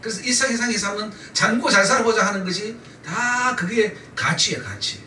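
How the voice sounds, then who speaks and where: A male pastor with a high-pitched, fairly quick voice, pushed and bright, preaches a sermon full of emphatic repetition and leads the congregation in call-and-response. A faint hiss or hum sits under the echoey church audio, picked up by a distant mic.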